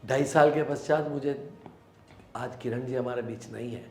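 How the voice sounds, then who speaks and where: Politician from Rajasthan, gravelly, emphatic and defensive, in a roomy echo with faint noise. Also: male voice, medium pitch, fairly even intonation, normal speed, faint music behind. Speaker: local politician, interview guest. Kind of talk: sit-down interview answers.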